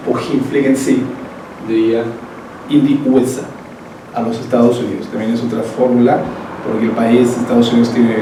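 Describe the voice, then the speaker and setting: Man teaching German in an echoey room. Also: medium pitch. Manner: slow, deliberate repetition of German phrases; conversational filler-laden explaining. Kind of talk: language lesson explaining vocabulary. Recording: echoey room, distant mic, background noise.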